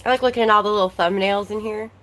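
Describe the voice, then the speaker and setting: A woman's voice: medium pitch, fairly even intonation, fast, fairly bright tone, rough recording. A woman hosting a casual livestream, chatting and greeting viewers by name while her voice is slightly worn. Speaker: livestream host.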